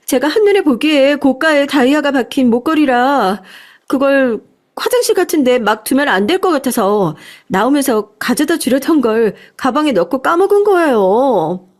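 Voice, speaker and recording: A woman voicing a young woman friend who shouts and pleads after being caught stealing, in a storybook radio tale. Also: lively intonation, normal speed. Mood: pleading. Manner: shrill, defensive, then pleading.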